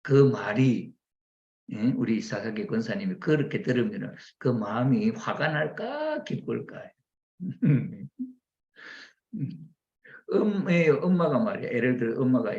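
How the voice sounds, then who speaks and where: A man preaching to his congregation, often acting out lively family dialogue as examples. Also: on the low side, lo-fi sound. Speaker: church minister. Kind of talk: sermon commenting on members' reports.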